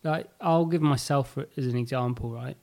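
A man's voice: medium pitch, normal speed, a little mellow. A man from England, a guest in a casual chat over drinks, sarcastic and joking, hesitating as he works through a point. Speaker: podcast guest.

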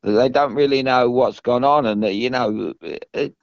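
An older British man in casual football discussion, halting and often restarting his phrases as a pundit. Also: mid-range voice, gravelly, dry recording. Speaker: former professional footballer, pundit. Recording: dull, dry close recording.

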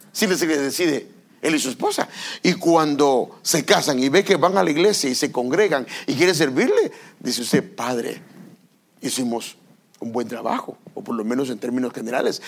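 An older man preaching a sermon as pastor, animated and acting out parents and children in little scenes. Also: on the high side, creaky, breathy edge.

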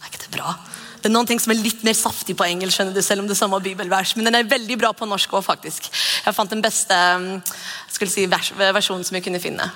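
A woman in her thirties giving a casual, expressive devotional talk as a podcast host. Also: medium pitch, long reverb tail. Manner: chatty and expressive, acts out quoted voices.

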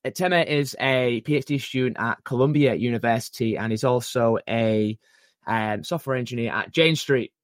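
A man hosting a podcast interview, talking in a relaxed, chatty way with many fillers. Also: mid-range voice, normal speed, no room sound, studio quality. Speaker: podcast host.

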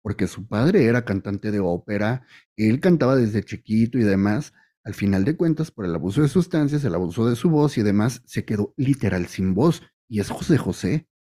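A man's voice: lowish voice, expressive, moderate pace, warm tone. A man with a Mexican accent co-hosting a podcast, laying out his opinions at length in casual chat. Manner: opinionated, makes points at length. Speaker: podcast co-host.

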